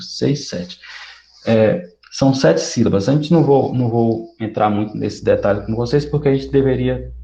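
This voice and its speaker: Gravelly-voiced male teacher, roomy lo-fi. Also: mid-range voice, dark tone. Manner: explanatory, checks in with "né?" and "certo?". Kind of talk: recorded online lesson. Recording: roomy, dull lo-fi sound.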